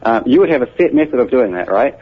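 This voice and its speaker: A New Zealand-accented computer scientist, appearing as an interview guest, lays out ideas patiently and methodically. His medium-pitched voice is expressive and breathy at the edges, and he talks fast. The audio sounds like a muffled radio broadcast.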